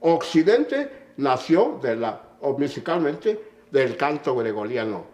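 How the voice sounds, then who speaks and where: A man's voice: medium pitch, very animated, slow pace, darkish tone. An older man with a Mexican accent, a conductor telling stories and lecturing in an emphatic way, often checking in with a short "mm?". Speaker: conductor and musician. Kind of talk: anecdotal storytelling in an interview.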